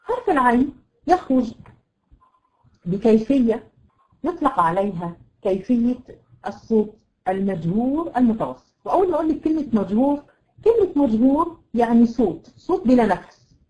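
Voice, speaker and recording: An Egyptian woman teaching a tajweed lesson online to women students, explaining patiently and demonstrating letter sounds slowly. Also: a little high, very animated, muffled recording. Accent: Egyptian Arabic. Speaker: Quran recitation teacher.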